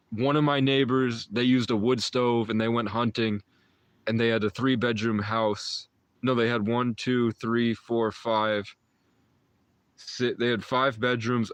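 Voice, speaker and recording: A young man in his twenties with a mid-range voice rambles on a livestream he hosts, recorded without echo. His chat with viewers is meandering and mystical, interrupted by his own restarts and chuckles.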